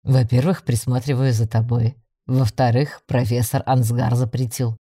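A man voicing a calm, patient young male mage student who explains things gently and teases a little. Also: mid-range voice, normal speed, no echo, studio quality, natural voice. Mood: patient explaining. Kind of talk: audiobook dialogue reading.

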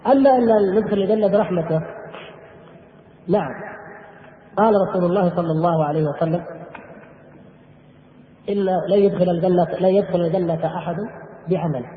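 Fast, high-voiced preacher in an echoey hall. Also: male voice. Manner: rhetorical questions, emphatic. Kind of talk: religious lecture. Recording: echoey hall over a phone-like line.

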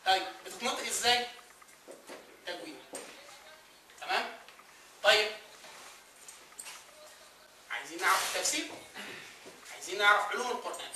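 A man's voice: sits high, lively intonation, moderate pace, long pauses, background noise. A man with an Egyptian Arabic accent giving a classroom lecture, firing questions at the class and answering them himself. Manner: quizzing the class, answering his own questions. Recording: echoey room recorded from a distance.

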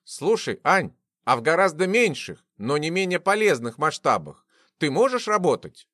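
A man reading an audiobook and voicing a jumpy young man who turns shrill and panicked. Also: very animated, normal speed, bright, forceful tone, no room sound, studio quality. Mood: casual. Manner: plain at first, then shrill and panicked.

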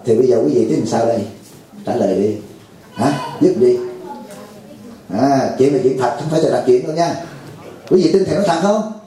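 A man's voice: mid-range voice, brisk, long pauses, warm tone, very echoey, low-quality recording. A man giving a dharma talk to a lay audience, jovial and teasing, acting out a pleading caller. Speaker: Buddhist monk teacher.

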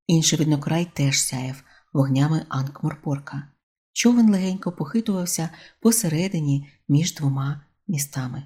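Low, husky woman narrating a story. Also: moderate pace, dark tone. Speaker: audiobook narrator.

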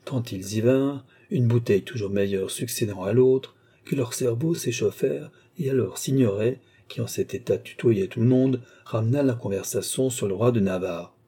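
A man narrating a historical tale as an audiobook reader, with expressive storytelling. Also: medium pitch, breathy edge.

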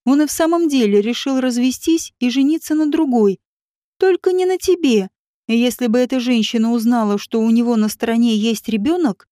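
Brief: woman narrator voicing a tense, cutting woman, high voice, dry and dark. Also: brisk, dry recording, natural voice. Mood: cold mocking. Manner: quiet, tense, cutting questions. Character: composed woman, tense, cold, probing.

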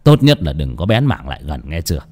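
A man's voice: rumbling low, very animated, quick pace, a little mellow, voice pushed down, full character voice. A man voicing a stern, secretive elderly grandfather who speaks curtly and wearily. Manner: gruff, curt and weary.

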